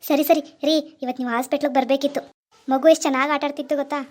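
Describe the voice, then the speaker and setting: A woman voicing a tired, gentle pregnant young wife in a cartoon. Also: high voice, steady tone, rapid-fire, close to an everyday voice. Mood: pleading. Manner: gentle, pleading. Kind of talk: animated cartoon voice acting.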